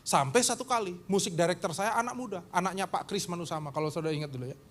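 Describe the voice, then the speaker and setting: A man's voice: high-pitched, fast talker, slight background noise. A middle-aged male pastor preaching and telling stories, acting out the people he quotes with big jumps in his voice. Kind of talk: sermon with acted anecdotes.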